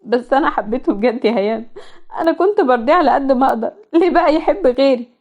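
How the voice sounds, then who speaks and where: A woman's voice: high voice, fast, darkish tone, dull audio. A woman with an Egyptian accent voicing a heartbroken, anxious young woman who pleads in distress. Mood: distraught. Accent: Egyptian Arabic.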